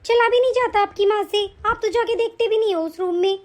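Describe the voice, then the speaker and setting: A woman voicing a cruel young daughter-in-law and mother in an animated story, speaking in a sharp, nagging, scolding way. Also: very high-pitched, a little fast. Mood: complaining.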